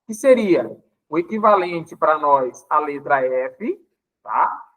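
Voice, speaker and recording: A high-voiced man from Pará, Brazil, with a Paraense Brazilian Portuguese accent teaches a Bible lesson on Greek words, taking it slowly on a poor recording. He explains with constant "tá?" check-ins and stays lively, acting out dialogue with playful exasperation.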